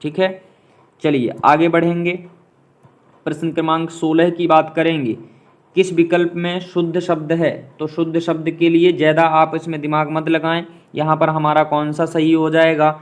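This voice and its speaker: A man's voice: fairly high pitch, little pitch movement, moderate pace. A man teaching spelling for exams, going through answers and repeating each key point as a question he answers himself. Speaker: exam-prep Hindi teacher. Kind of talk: classroom-style explanation of quiz answers.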